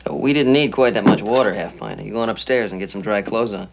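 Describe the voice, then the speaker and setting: A man's voice: lowish voice, fast talker, vocal fry, heavy background noise. A middle-aged man playing a protective, plain-spoken frontier father in a period television drama. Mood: gentle.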